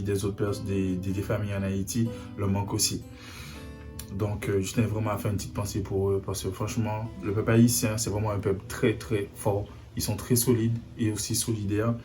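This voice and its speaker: Earnest young Haitian man, low voice. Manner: earnest, repeats himself for emphasis. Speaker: vlogger. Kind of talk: personal video message. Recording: faint guitar music behind.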